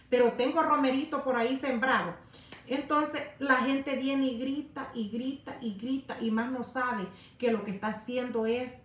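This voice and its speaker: A woman talking casually to her viewers, animated and repetitive, speaking to them directly. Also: on the high side. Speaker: YouTube commentator. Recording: roomy echo.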